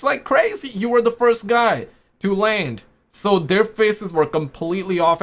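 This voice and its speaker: Higher-pitched man chatting casually. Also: fairly bright tone. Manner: rambling, informal, slangy. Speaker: reaction video host. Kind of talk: casual chat.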